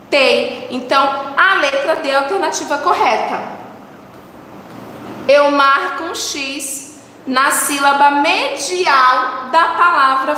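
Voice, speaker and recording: A high, bright woman's voice with a Brazilian accent leads children through a recorded lesson. She coaxes them along, asking questions and answering them herself. The sound rings in a reverberant room with a long tail and faint background noise. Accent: Brazilian Portuguese. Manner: warm coaxing teacher talk, asks questions and answers them. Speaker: teacher.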